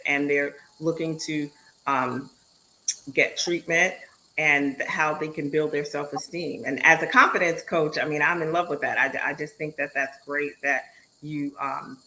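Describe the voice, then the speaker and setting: A woman's voice: low-pitched, bright, forceful tone, rough recording. A woman hosting an online interview show, upbeat and encouraging with her guests. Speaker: host.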